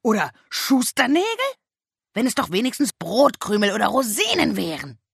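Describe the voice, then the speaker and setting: A reader doing a croaking scolding raven. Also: very animated, normal speed, fairly bright tone, no echo, clean studio sound, exaggerated voice. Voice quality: croaking, shrill. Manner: reproachful, blunt. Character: wise scolding male talking raven. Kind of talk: audiobook reading.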